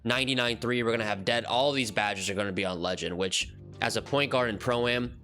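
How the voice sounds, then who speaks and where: A man hosting a gaming channel casually walks through a build, sounding nasal from a cold and rambling with frequent ums and restarts. His medium-pitched voice is a little fast, bright and forceful, with faint music behind.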